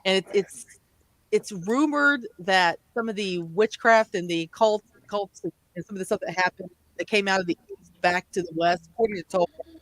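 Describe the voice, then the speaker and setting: A speaker on a video call explains details in a plain, matter-of-fact way, with a middle pitch and an even manner. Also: normal speed, dry recording, low-quality recording. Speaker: panelist. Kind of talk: casual group chat.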